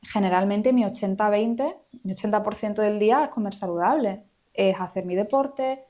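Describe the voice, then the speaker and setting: Woman, psychologist guest; thoughtful, explanatory delivery, mid-pitched, chatty tag questions. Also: normal speed, darkish tone. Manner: reflective, explanatory, many filler "eh" and "¿no?". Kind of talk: conversational interview.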